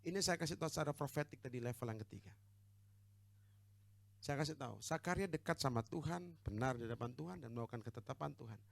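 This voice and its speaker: A man preaching a charismatic sermon, swinging from hushed asides to loud exhortations and calling for amens, with English phrases dropped in. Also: mid-range voice, expressive, fast talker, vocal fry, no room sound. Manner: calls for amens and congregational responses. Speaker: evangelist preacher.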